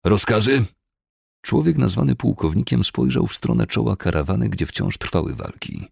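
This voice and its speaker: A man narrating a fantasy audiobook with a very low, gravelly and husky voice. His delivery is steady and measured, recorded dry and close to the mic. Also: no room sound.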